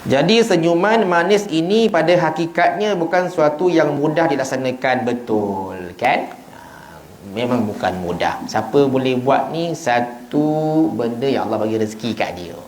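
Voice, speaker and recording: A man's voice: on the high side, expressive, normal speed, few pauses, roomy sound, a little hiss or hum, low-quality recording. A man with a Malaysian Malay accent gives an informal evening sermon, telling stories and acting out little dialogues with joking asides. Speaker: ustaz giving an evening mosque lecture. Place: prayer hall of a small mosque.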